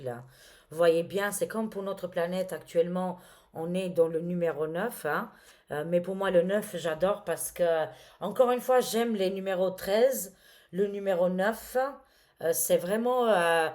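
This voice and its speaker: A woman with a somewhat low voice gives a casual tarot reading straight to her viewers. She talks hesitantly, filling her pauses with fillers and little tags, and keeps turning to the audience as friends. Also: darkish tone. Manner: hesitant, filled with frequent euh and hein, addresses viewers as les amis. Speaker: tarot reader.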